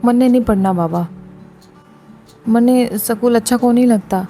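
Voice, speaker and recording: Woman voicing a hot-headed young village boy, high and pleading, for a storybook. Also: normal speed, mellow, soft background music, lightly acted. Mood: defiant. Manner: pleading, tearful and breathless at times.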